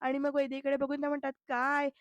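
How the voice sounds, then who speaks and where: A woman's voice: high-pitched, flat delivery, brisk, a little mellow, no echo, lo-fi sound. A woman narrating a chatty voice-over recap of a TV serial episode, talking straight to the viewers. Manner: chatty, addresses viewers directly.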